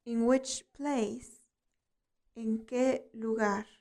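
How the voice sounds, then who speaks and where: A woman hosting a podcast lesson, reading out phrases in two languages and repeating each one slowly for listeners to copy. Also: on the high side, steady tone, mellow. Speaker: language teacher and podcast host. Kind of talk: slow bilingual vocabulary lesson.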